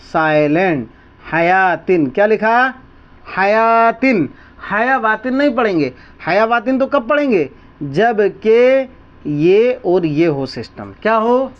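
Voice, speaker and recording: A man teaching Quran reading step by step, asking questions and repeating each word slowly for the listener. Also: high-pitched, sing-song, muffled recording. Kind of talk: step-by-step lesson with call-and-response questions.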